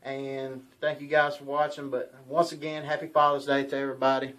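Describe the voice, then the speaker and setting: A man's voice: medium pitch, little pitch movement, fairly quick, a bit bright. A young man, rambling casually to the camera from a small bedroom. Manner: rambling, folksy, repeats himself. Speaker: outdoors channel host. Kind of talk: casual vlog talk to camera.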